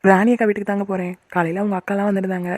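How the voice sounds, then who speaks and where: A woman voicing a quick-tempered young wife in a cartoon, huffy and sharp-tongued. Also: medium pitch, little pitch movement, no echo, lightly acted. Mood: calm. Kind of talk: cartoon voice acting.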